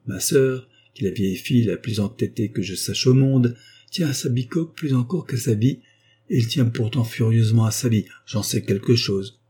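A man reading an audiobook voices a courteous, patient old aristocratic baron, a bit higher than his own voice. The voice is mellow and slightly husky. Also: normal speed, natural voice.

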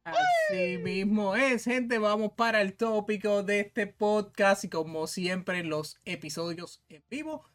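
A podcast co-host chatting casually on a live show, relaxed and mixing in English words. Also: mid-range voice, takes it slowly, few pauses.

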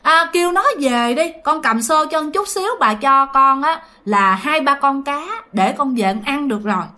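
An eager young village woman, acted out by a woman narrator. She pleads urgently and keeps repeating herself, her voice pitched high and swinging widely. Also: animated, normal speed, bright, forceful tone. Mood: eager pleading.

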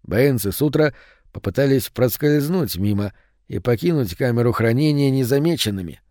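A man's voice: medium pitch, moderate pace, dry recording. Male audiobook narrator, dry sound. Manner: steady storytelling.

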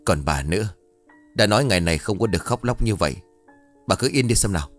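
A man's voice: on the low side, lively intonation, quick pace, faint music behind. A man voicing a stern, scolding old grandfather in an audio story. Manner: gruff, scolding.

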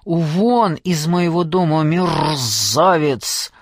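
A man's voice: expressive, extremely slow, dry recording, clean studio sound, full character voice. A man voicing a shrieking, furious older aunt. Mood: furious screaming. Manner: screaming, abusive, shrill outbursts.

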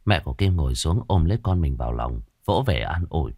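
A man narrating a horror story, dramatic and expressive. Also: very deep voice, brisk, slight background noise.

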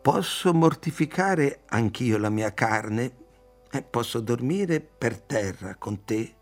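A man's voice: medium pitch, lively intonation, slow, soft background music. A male reader voicing an impulsive young man, drunk and pleading in an insistent way.

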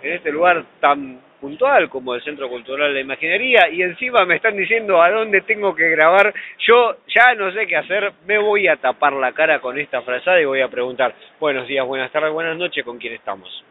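A man interviews two poets with playful, rambling questions. His voice sits fairly high. The sound is tinny and phone-like, with hiss behind him. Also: a little fast, few pauses. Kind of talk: casual interview.

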